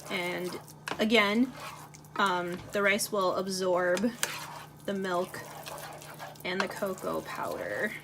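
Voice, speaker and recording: A woman with a gravelly voice on the low side hosts a cooking channel from her home kitchen, speaking slowly and pausing often, yet with lively intonation. She talks chattily while stirring a pot, leaning on many fillers. Frying and stirring can be heard in the background.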